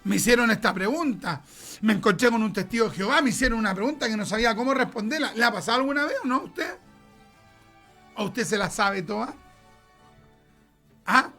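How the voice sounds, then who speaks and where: A man's voice: sits high, animated, a little fast, creaky, pauses often, pushed and bright, soft background music. A middle-aged man with a Chilean accent preaching a sermon, emphatic, repeating words for stress and acting out conversations. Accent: Chilean Spanish.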